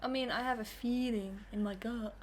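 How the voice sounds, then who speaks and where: A woman's voice: fairly high pitch, fairly even intonation, normal speed. A young woman co-commentating a let's play, chatty and teasing, often laughing. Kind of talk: casual gaming commentary.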